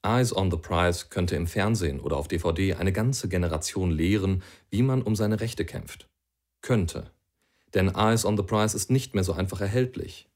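A man's voice: deep voice, normal speed, darkish tone. A man reading an argumentative passage aloud in an earnest, persuasive way. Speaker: audiobook reader.

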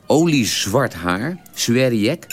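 A man in a radio drama telling a long, detailed story at the dinner table in a measured, drily precise way. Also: mid-range voice, very animated, breathy edge, exaggerated voice. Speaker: character telling an anecdote at a family dinner.

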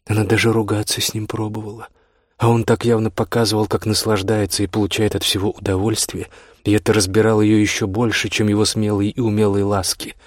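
A man narrates an audiobook slowly and intimately, in a low, husky voice. The sound is close and dry, with no room echo. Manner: slow, soft, intimate. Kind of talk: scripted narration.

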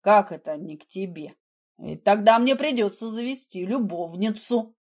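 A woman's voice: medium pitch, expressive, normal speed, a little mellow. A woman voicing a menacing, mocking husband in an audiobook, with a smug, taunting manner. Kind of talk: audiobook character voice.

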